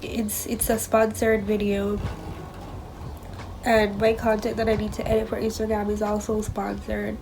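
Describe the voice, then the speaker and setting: A woman's voice: mid-range voice, monotone, normal speed, creaky, music in the background, rough recording. A young woman talking casually as a vlogger, her nose stuffed up, chatty and candid about being stressed. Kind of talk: casual vlog chat.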